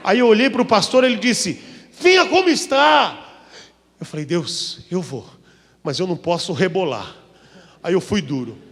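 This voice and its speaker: A Brazilian man, a pastor, preaching a dramatic testimony sermon, acting out voices and swinging from hushed to loud. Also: high-pitched, expressive, normal speed, long reverb tail. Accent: Brazilian Portuguese. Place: church.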